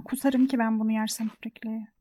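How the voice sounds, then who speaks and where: A woman's voice: on the high side, little pitch movement, fast, warm tone. A young woman hosting a casual let's-play, reacting to the game, joking and swearing freely. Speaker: gaming channel host.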